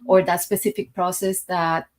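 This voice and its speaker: A woman from Puerto Rico, a guest in an interview, explaining calmly and clearly. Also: fairly low pitch, normal speed.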